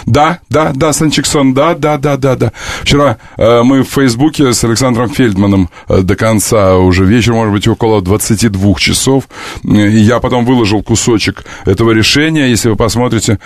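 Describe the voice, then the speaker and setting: A man hosting a morning radio talk show, talking in an animated, opinionated way and repeating words in quick runs. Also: medium pitch, no echo. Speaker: radio host. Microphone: studio microphone.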